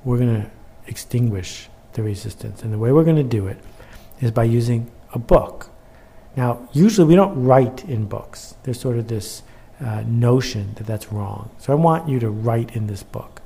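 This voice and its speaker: A man's voice: medium pitch, expressive, moderate pace, gravelly, warm tone, slightly rough. A man presenting his own workbook in a motivational instructional talk, stressing his points through repetition and rhetorical questions.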